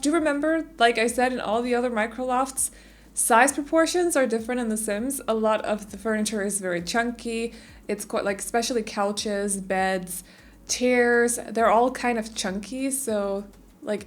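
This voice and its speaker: A woman, a bit stuffy after losing her voice, chatting casually and rambling through a voice-over for a game build. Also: fairly high pitch. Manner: chatty, rambling, many fillers. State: stuffy, recovering from lost voice. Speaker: Sims speed build YouTuber.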